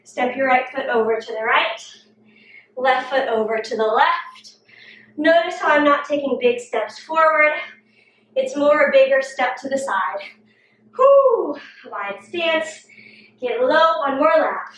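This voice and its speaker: A woman's voice: sits high, unhurried, fairly bright tone, slight background noise. A woman fitness instructor leading a workout video, out of breath and huffing between her coaching cues. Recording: roomy echo, distant mic.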